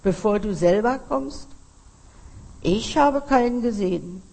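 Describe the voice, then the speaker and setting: A woman's voice: medium pitch, animated, takes it slowly, creaky, a little mellow, exaggerated voice. Woman reading an earnest young man. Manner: earnest, pleading. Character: carefree young man, later pleading.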